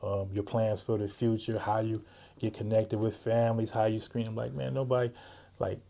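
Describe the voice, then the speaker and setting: A man hosting a podcast interview, talking in a relaxed, easygoing way and often saying "man" and "you know". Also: on the low side, normal speed, gravelly. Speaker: podcast host; works with juvenile youth. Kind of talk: casual interview chat.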